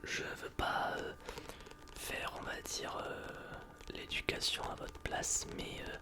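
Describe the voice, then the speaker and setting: A person in a whispered role-play, playing a polite, attentive librarian in a soft library whisper, explaining things with some hesitation. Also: slow. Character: polite, attentive, gently chiding public librarian serving a borrower. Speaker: ASMR performer playing a librarian.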